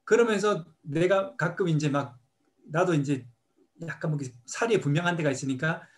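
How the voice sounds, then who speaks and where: A man's voice: on the high side, moderate pace. A middle-aged man who teaches meditation, answering a question by reflectively telling a personal story and acting out how he scolds himself.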